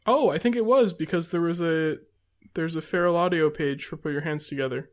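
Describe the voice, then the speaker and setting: A woman's voice: lowish voice, a little fast. A woman co-hosting a podcast, chatting casually with short agreeing replies and dry asides. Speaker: podcast co-host. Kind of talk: casual chat.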